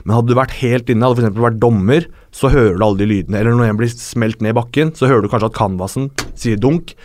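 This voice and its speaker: A man talking as a guest in a casual podcast chat, explaining at length in a relaxed way with lots of fillers. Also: medium pitch, dry recording, studio quality. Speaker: guest, martial arts expert.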